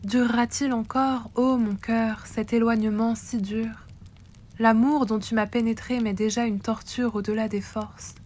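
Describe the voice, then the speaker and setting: A woman's voice: fairly high pitch, fairly even intonation, a little slow, a little mellow. A woman voicing a cruel, jealous sorceress queen who laments over her lover, recited in a storybook reading. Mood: lamenting.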